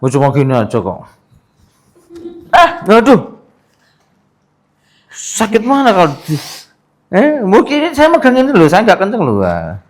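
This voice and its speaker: A male sports massage therapist talks a patient through treatment in an indoor clinic. His voice swings up and down in a lively way as he teases, coaxes and laughs. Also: high voice, measured pace, pauses often. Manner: teasing, coaxing, laughs often. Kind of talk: casual treatment-session chat.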